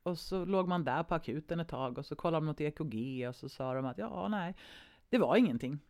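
A woman's voice: low voice, darkish tone, clean tone. Woman telling a personal story on a podcast. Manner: vivid personal storytelling, shifting between brisk and slow. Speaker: podcast co-host. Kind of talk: casual podcast conversation.

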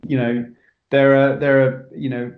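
Over an echoey, dull remote connection, a man who directs films chats casually in a podcast interview. His voice is mid-range and level, his pace measured, and he talks earnestly while often restarting.

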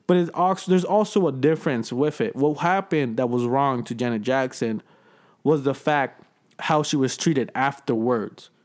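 A man's voice: mid-range voice, moderate pace. A young man co-hosting a casual podcast chat, rambling and peppering his talk with dude and bro. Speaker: podcast co-host.

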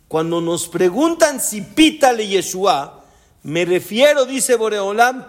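A rabbi tells a teaching story in a high, lively voice. His pitch climbs and dips all the time, and he keeps drawing his listeners in with rhetorical questions. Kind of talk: storytelling Torah class.

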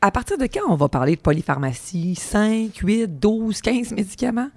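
A woman podcast host with a Quebec French accent and a hoarse, gravelly, raspy voice, introducing and interviewing. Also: medium pitch, sing-song, normal speed, a little mellow, no room sound.

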